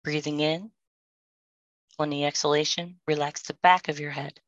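Woman guiding a prayer meditation, low steady voice, dry close sound. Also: dry recording, dull audio. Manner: slow, soothing, calm instructions with pauses. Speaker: meditation guide.

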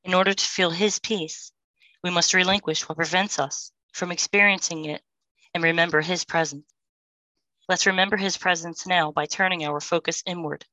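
Woman, meditation guide, soothing, slow, monotone delivery. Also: fairly low pitch, no echo, low-quality recording. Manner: slow, soothing, calm instructions with pauses.

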